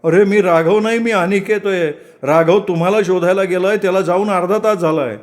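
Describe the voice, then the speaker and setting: A man's voice: sits high, fairly quick, voice pushed up, natural voice. A man voicing a tense young man in a told story, urgent and blunt. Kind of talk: dramatic storytelling.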